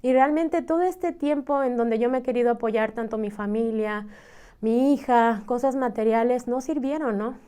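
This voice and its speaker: A woman's voice: fairly high pitch, fairly even intonation, normal speed, mellow, clean tone. A woman from Mexico with a Mexican accent giving an earnest, emotional personal testimony, often tagging her sentences with a questioning "¿no?". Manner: earnest, tags many phrases with a questioning "¿no?"; emotional storytelling. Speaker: church member giving testimony.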